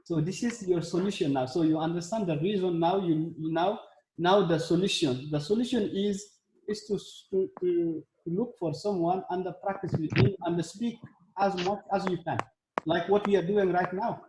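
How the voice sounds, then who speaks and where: Encouraging high-voiced man, echoey room. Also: normal speed, darkish tone. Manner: encouraging, repeats words as he talks. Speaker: host of a language practice session. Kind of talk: casual group conversation. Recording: echoey room with faint noise.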